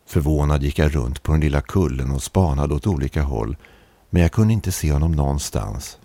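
A man reading an eerie first-person story aloud in a measured, calm narrating manner. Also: a bass voice, no echo.

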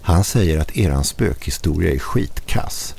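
A man's voice: low-pitched, lively intonation, gravelly, darkish tone, slight background noise. A man voicing a sarcastic young prankster who mocks the ghost stories in an audiobook. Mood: mocking. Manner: sarcastic, mock-serious. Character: joking young man, mock-spooky prankster.

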